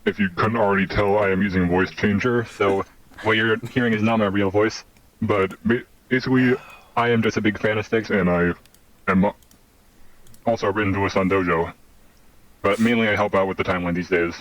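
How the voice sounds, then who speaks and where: A man talks through a voice changer, so his voice comes out altered and synthetic. The pitch sits on the lower side and the sound is dry, with no room around it. He delivers a loud, upbeat podcast introduction. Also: fairly even intonation, a little fast, dry recording, poor audio. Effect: voice changer disguising his real voice. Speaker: podcast co-star. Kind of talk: casual podcast self-introduction.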